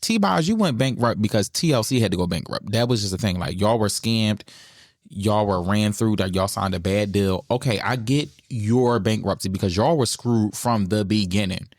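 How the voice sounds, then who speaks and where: A man's voice: fairly low pitch, normal speed, no echo, studio quality. A man co-hosting a casual gossip podcast, blunt and opinionated as he rants about reality TV drama. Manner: blunt, opinionated, animated ranting. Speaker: podcast co-host.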